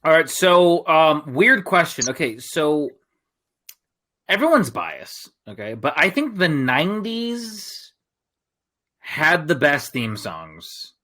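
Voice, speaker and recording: Bright lively-voiced man chatting. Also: on the high side, slow pace. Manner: animated, rambling with many fillers. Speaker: podcast co-host. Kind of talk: casual chat.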